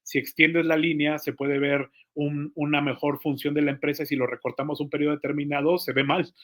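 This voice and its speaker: A man's voice: on the high side, little pitch movement, brisk. A man, a journalist talking on a podcast, telling anecdotes thoughtfully with some hesitations. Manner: reflective, tells anecdotes with hesitations. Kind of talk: podcast conversation.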